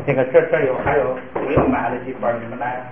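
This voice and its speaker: A man's voice: mid-range voice, fairly even intonation, fast, heavy background noise. A male language teacher, lecturing a class patiently and step by step, with many fillers. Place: classroom with students. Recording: roomy, dull lo-fi classroom recording.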